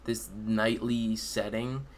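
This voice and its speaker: Talking slowly in a fairly low, level voice, a late-teen man hosts a laid-back podcast from his room at home. He uses a desk mic on a video call, and a little hiss or hum can be heard.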